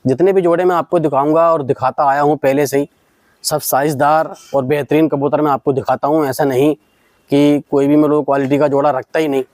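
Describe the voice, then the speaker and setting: A man with a western Uttar Pradesh accent shows his pigeons in a casual selling vlog, eagerly urging viewers again and again to admire the birds. His voice sits a little high for a man. It is recorded close and dry, with no room echo. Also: fairly even intonation, fairly quick, darkish tone. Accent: Western Uttar Pradesh Hindi. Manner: eager salesman, repeats "look at the quality". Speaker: pigeon seller showing birds.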